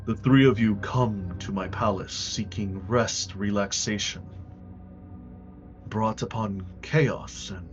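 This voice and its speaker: A man voicing a regal dragon king who speaks in a stately, measured way, in a tabletop fantasy game. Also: lowish voice, steady tone, lo-fi sound, faint music behind. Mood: stern, measured. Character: regal dragon king addressing intruders in his palace.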